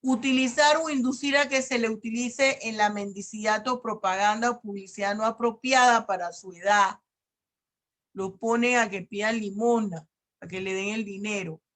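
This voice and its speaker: A woman's voice: on the high side, moderate pace, a bit bright. A middle-aged woman law professor with a Panamanian Spanish accent, giving an online lecture and explaining legal articles with everyday examples.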